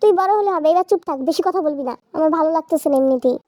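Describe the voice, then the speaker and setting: A woman's voice: high-pitched, racing, warm tone, dry recording, studio quality, natural voice. A woman voicing a short-tempered young husband in a storybook drama, answering curtly. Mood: irritated. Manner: curt, snapping.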